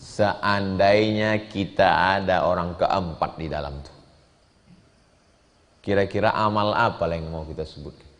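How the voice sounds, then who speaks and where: Lively preacher in an echoing hall. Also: male voice, deep voice, a little slow. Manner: animated storytelling, quoting and translating Arabic. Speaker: religious teacher. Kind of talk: sermon. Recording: long hall reverb.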